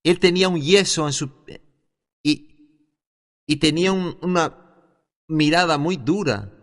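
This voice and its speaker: A man teaching a Bible institute class as a sermon, telling a story earnestly with halting restarts and rising to loud, emphatic peaks. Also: a little high. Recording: reverberant hall.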